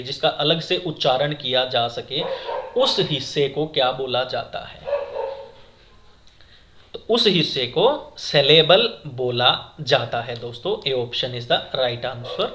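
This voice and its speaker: A man with a fairly high, sharp-toned voice teaches exam vocabulary as an English test-prep instructor, with slight background noise. Explaining words classroom-style, he asks questions and repeats the answers to viewers he addresses as friends.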